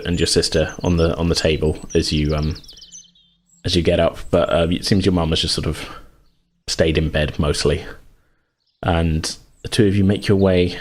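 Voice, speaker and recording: A low-voiced man acts as game master, narrating a tabletop roleplaying game in a conversational, improvised way with hesitant hedging. Music plays in the background.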